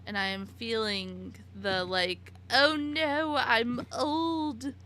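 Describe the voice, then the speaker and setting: Speaking very slowly in a steady, fairly bright voice on the high side, a woman in her late twenties talks casually on her live stream as she plays. She giggles, chats a lot and replies to people in her chat by name.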